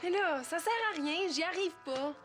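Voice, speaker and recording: A woman's voice: extremely high pitch, normal speed, over music. A wry Quebec teen girl. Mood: puzzled. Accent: Quebec French. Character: teenage girl, wry and self-mocking. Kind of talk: TV series acting.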